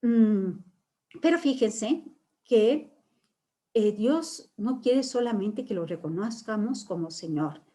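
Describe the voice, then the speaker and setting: A woman teaches a catechesis class in a mellow, warm tone. She explains scripture patiently, stopping on "eh" fillers and asking her listeners questions as she goes. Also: medium pitch, expressive, slow. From Mexico. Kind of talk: catechesis talk on the Creed.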